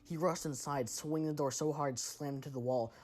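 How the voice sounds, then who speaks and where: A man's voice: on the high side, fairly even intonation, fairly quick, a little mellow. A man narrating a first-person horror story in a tense, dramatic way.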